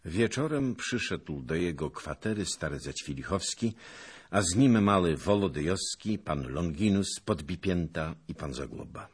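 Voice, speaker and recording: A man narrating a historical novel in a measured, expressive, husky voice. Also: deep voice.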